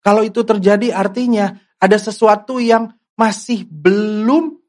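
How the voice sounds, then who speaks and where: A man's voice: high voice, a little slow. A man preaching a casual, conversational sermon, asking his listeners questions and acting out the voices of worried believers. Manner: asks the audience questions directly.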